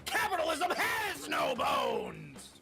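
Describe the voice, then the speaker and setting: A man's voice: very high-pitched, very animated, slow pace, over music, crowd noise, full character voice. A man voicing a greedy, gloating capitalist villain in a growly, theatrical way while playing a game on stream. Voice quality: growly, gravelly. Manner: theatrical, cackling, shouty.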